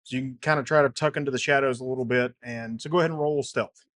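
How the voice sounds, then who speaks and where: A man's voice: mid-range voice, steady tone, fast talker, fairly bright tone. A man narrating as game master, explaining rules in an easygoing way with loose restarts.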